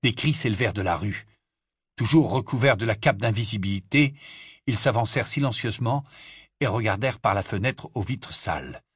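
A man narrating a novel in a low-key, even reading voice. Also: fairly quick, husky, no echo, clean studio sound. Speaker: audiobook narrator. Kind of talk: scripted narration.

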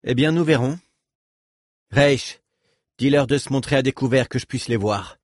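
A man voicing a blunt, sharp-tongued female bodyguard in an audiobook, curt and commanding. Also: mid-range voice, normal speed, no room sound, clean studio sound, close to an everyday voice.

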